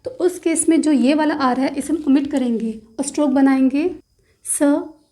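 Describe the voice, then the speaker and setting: A woman teaching a shorthand class, spelling out example words slowly and deliberately in mixed with terms. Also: high voice, warm tone. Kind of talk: explaining lesson.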